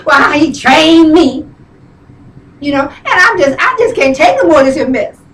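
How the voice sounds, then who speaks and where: Middle-aged woman, high voice, chatty comic storytelling, says honey and girl a lot, bit far from the mic. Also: animated, moderate pace, a bit bright, slight background noise. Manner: chatty, tearful, keeps saying "you know", "honey" and "girl".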